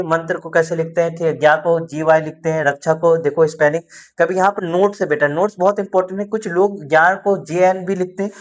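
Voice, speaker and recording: A man teaching a beginners' spelling lesson, encouraging his students and asking questions that he answers himself. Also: high-pitched. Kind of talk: spoken lesson.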